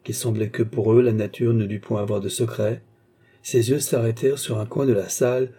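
Casting: male narrator, very dark and husky tone, steady storytelling. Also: mid-range voice, normal speed. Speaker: audiobook narrator. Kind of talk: scripted narration of a classic novel.

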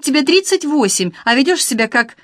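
A woman's voice: on the high side, animated, moderate pace, no room sound, close to an everyday voice. A woman reading an audiobook, voicing an emotional lover on the phone who moves from hurt to cold fury. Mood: tearful anger. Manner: hurt, then furious and cutting.

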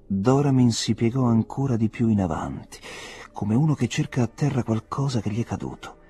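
A man reading a novel aloud as an audiobook narrator, measured and expressive. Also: mid-range voice, husky. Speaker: audiobook reader.

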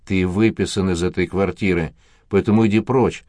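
A man voicing a middle-aged mother who is furious with her husband and gentle with her daughter. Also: sits low, steady tone, moderate pace, no room sound, clean studio sound, natural voice. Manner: sharp when angry, soft when soothing.

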